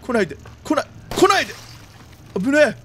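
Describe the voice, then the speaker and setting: A man doing jumpy let's-play commentary of a horror game, often repeating exclamations quickly and using old-man turns of phrase. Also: very high voice, very animated, fairly bright tone, a little hiss or hum. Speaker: video game streamer.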